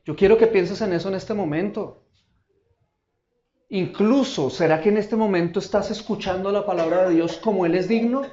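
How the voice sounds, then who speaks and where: Male pastor, high voice, emphatic sermon delivery, recorded in a roomy church. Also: dark tone, lo-fi sound. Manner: emphatic preaching with dramatic pauses and repeated questions. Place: church auditorium.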